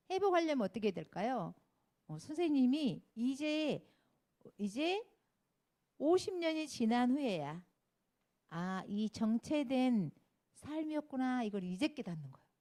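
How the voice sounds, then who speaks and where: A woman's voice: mid-range voice, warm tone. A woman in her fifties teaching a children's Sunday school sermon, telling stories, acting out the people she quotes and asking the children questions. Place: church classroom.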